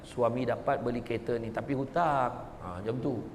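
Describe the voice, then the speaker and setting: A man with a Malaysian Malay accent giving a humorous religious talk, animated and jokey, often slipping into characters. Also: medium pitch, brisk, slight background noise. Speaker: preacher. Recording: echoey hall.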